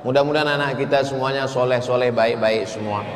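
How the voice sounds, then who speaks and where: A man preaching a humorous sermon, chanting verses slowly and acting out questioners in a raised voice. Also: medium pitch, a faint crowd, a little hiss or hum. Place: large mosque hall. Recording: echoey hall reverb.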